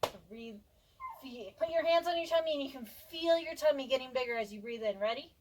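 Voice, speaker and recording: A woman teacher leading a class through body and voice warm-ups in an upbeat, coaxing way. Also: high-pitched, a little fast, low-quality recording. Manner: upbeat, coaxing, counts aloud with energy. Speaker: music and theater teacher.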